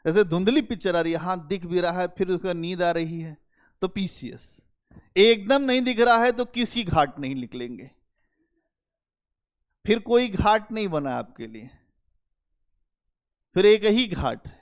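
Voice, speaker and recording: A male history teacher giving a lively, conversational classroom lecture and talking straight to his students. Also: high-pitched, a little slow, pauses often. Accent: Hindi-speaking North Indian. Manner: animated, conversational, addresses students directly.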